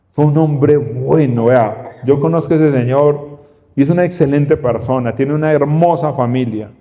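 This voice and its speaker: Male preacher, slow and emphatic delivery, booming hall, lo-fi capture. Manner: slow, emphatic, with repeated phrases. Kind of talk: sermon. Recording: dull sound, long reverb in a hall.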